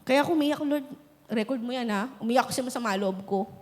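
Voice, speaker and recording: A Filipina woman pastor preaches with a high, bright voice. She talks quietly and conversationally, then builds to fervent shouts. Her voice rings out with a long reverb through a large church hall. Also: brisk. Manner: preaching in mixed Tagalog and English, building to shouted exhortation. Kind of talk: sermon.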